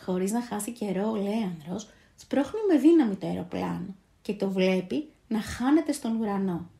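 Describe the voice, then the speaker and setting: Warm-voiced woman telling a fairy tale. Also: medium pitch, expressive, gravelly. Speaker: storyteller. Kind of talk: scripted fairy-tale narration.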